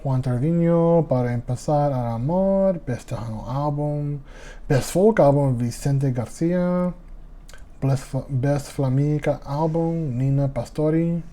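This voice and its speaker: A man's voice: fairly high pitch, unhurried, warm tone. A man with a lisp hosting a casual solo music podcast, rambling and stumbling over foreign names, calling his listeners "y'all". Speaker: podcast host.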